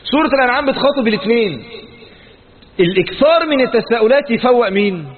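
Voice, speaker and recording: A man's voice: very high voice, expressive, fast talker. A man with an Egyptian Arabic accent giving a Quran commentary lesson, reciting verses and then explaining them in colloquial speech, asking questions and answering them himself. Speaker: Quran teacher. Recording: tinny phone-like lo-fi audio.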